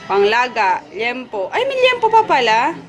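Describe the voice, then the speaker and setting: High-voiced woman vlogging at home. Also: wildly swooping pitch, unhurried, highs cut off, soft background music. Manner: chatty, coos at her pets in a sing-song baby voice. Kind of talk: casual home vlog. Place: family house, moving between rooms and stairs. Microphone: handheld compact camera. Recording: noisy home recording.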